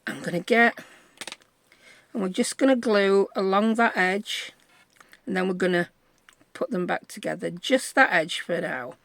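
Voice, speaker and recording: A woman's voice: medium pitch, measured pace, vocal fry, pauses often, fairly bright tone, no echo. A British woman giving a casual step-by-step craft demonstration, chatting and thinking aloud as she checks in with listeners. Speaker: craft tutorial host.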